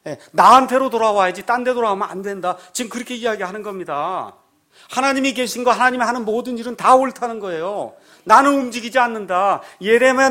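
A male pastor preaching a sermon, acting out quoted speech in a raised voice. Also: high-pitched. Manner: animated preaching, acts out quotes loudly.

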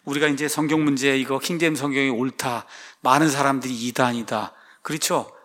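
A man's voice: medium pitch, steady tone, fairly quick, a bit bright. A man preaching a sermon as pastor, emphatic, posing rhetorical questions to his congregation.

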